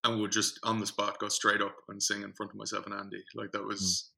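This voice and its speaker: Young man, casual podcast storytelling, rambling, gravelly, sharp-toned. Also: on the low side, brisk, poor audio. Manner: rambling, animated, with lots of fillers and restarts. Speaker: podcast co-host, singing group organiser.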